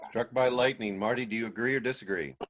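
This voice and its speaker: A man hosting a game show over a video call, reading questions in a quick, playful way. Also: mid-range voice, background noise. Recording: dull lo-fi video call audio.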